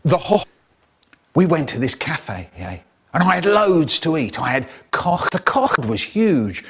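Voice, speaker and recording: Spliced-word male narrator, slow, wildly swinging pitch, choppy edits between words. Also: big pitch swings, husky. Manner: jumpy, jarring shifts in pitch and loudness between words. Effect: spliced together word by word from clips.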